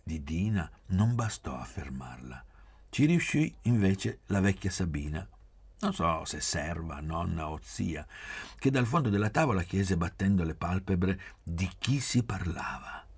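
A man reading a literary novel aloud in a measured, expressive way. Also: deep voice, husky. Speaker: reader.

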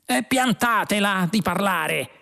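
A man's voice: high-pitched, big pitch swings, moderate pace, gravelly, fairly bright tone, pitched above the performer's own voice, exaggerated voice. A man doing a whiny, sulky alien rogue. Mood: sleepy grumbling. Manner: whiny and petulant. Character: groggy, grumpy two-headed male alien adventurer.

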